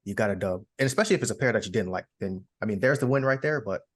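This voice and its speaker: A man's voice: lowish voice, expressive, rapid-fire. A young man co-hosting a casual podcast, easygoing and enthusiastic. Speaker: podcast co-host. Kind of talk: casual chat.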